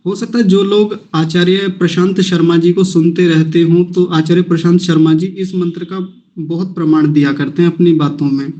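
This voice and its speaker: High-voiced man teaching mantra pronunciation. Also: fairly even intonation, normal speed, warm tone, highs cut off. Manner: patient, breaks words into syllables and repeats them. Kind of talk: recitation lesson, slow syllable drills.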